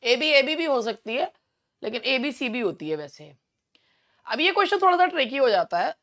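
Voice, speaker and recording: A woman with an Indian accent teaching an exam-prep English lesson, going through questions and answers and reading each question out slowly. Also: high voice, sing-song, fairly bright tone.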